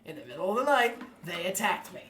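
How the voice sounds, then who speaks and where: A man's voice: high voice, big pitch swings, quick pace, pushed and bright. A man playing a tabletop role-playing game, chatting casually and describing what his character does. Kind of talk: casual role-play chat. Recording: echoey, distant mic, group chatter behind.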